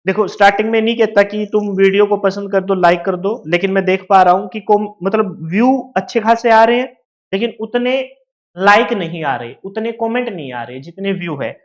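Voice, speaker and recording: A man's voice: sits high, normal speed, highs cut off. A man with a Haryanvi-tinged Hindi accent teaching an exam-prep maths lesson, explaining with everyday shop scenarios and asking his students questions.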